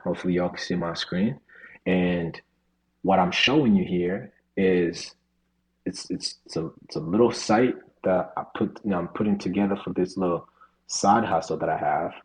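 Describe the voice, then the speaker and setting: A coding instructor teaches a live online class over a video call, speaking casually and sprinkling in plenty of "right?" and "you know." His voice is low and darkish, and the audio is poor.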